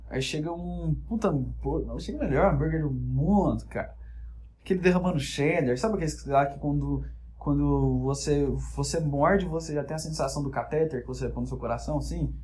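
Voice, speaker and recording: A man's voice: fairly high pitch, a little fast, a little mellow. A man hosting a solo podcast, rambling and joking in a casual monologue that keeps interrupting itself. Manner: rambling, jokey, self-interrupting. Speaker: podcast host.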